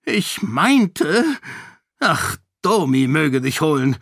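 A man voicing an irritable, blustering older king who shouts in exasperation. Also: a little high, very animated, extremely slow, creaky, breathy edge, no echo, clean studio sound, voice pushed up, heavily acted. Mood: exasperated.

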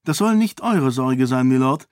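In a clean, dry studio recording, a man voices a resolute young noblewoman for an audiobook, speaking earnestly and persuasively. His medium-pitched delivery is expressive and a little mellow at a normal speed, pitched above his own voice yet close to an everyday sound.

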